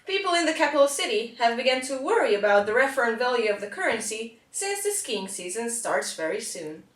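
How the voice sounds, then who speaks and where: A woman's voice: a little high, sing-song, fairly quick. A woman playing an earnest parody news anchor, reading mock news in a formal delivery. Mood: formal, serious. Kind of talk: scripted mock news report. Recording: roomy, echoing amateur recording.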